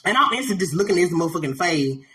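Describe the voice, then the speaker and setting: Brash, animated woman telling a story. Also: on the low side, very fast, slight background noise. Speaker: podcast host. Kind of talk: casual storytelling to an audience.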